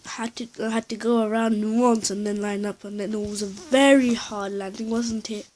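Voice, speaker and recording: A woman's voice: medium pitch, fairly even intonation, moderate pace, a little mellow, slight background noise. A woman thinking aloud in casual gameplay commentary while flying a plane in a simulator at home. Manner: rambling, chatty, thinking aloud. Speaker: flight sim player. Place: at home, indoors.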